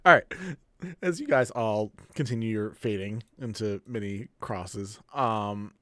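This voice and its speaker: A man's voice: on the low side, a little slow, a bit bright. Laid-back male game master. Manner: laid-back, laughs often. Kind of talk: narrating a tabletop game.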